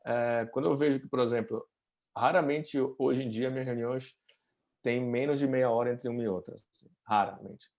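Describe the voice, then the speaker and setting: A man, a guest chatting casually over a video call with many fillers. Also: mid-range voice. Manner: fast, relaxed, many fillers. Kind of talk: casual interview chat.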